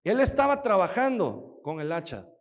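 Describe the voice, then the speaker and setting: High-voiced pastor preaching. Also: male voice, moderate pace. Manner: animated storytelling, acts out quoted voices; asks the audience frequent rhetorical questions. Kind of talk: sermon.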